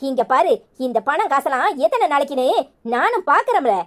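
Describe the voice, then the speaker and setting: A woman voicing a fierce, sharp-tongued older village mother in a Tamil cartoon, speaking with a Tirunelveli accent and cursing freely. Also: high-pitched, big pitch swings, a little fast. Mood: scornful. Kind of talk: cartoon voice acting.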